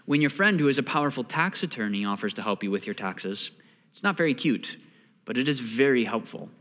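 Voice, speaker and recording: Speaking fairly quickly in a mid-range voice, a male pastor reads scripture and unpacks it conversationally in his sermon. He animatedly acts out the characters' lines at times, under long hall reverb.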